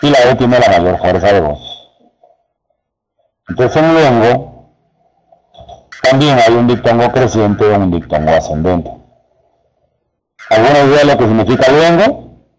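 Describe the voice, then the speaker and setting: A man teaching a spelling lesson to teachers, explaining slowly and speaking to them directly. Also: mid-range voice, very animated, darkish tone, low-quality recording. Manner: slow, deliberate, addresses teachers directly. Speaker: teacher trainer.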